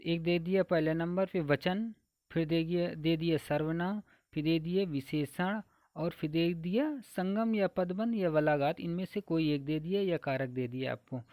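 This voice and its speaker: A man's voice: a little high, a little mellow, no room sound. A man teaching a grammar lesson for exam preparation. He goes through a numbered syllabus, repeating points and asking and answering his own questions.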